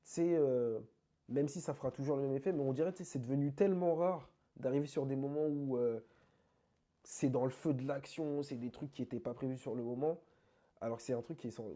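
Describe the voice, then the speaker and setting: A man being interviewed about dance, talking in an animated, emphatic, slangy way. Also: mid-range voice, fairly quick. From France. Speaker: interview guest, krump dancer. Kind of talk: casual conversational interview.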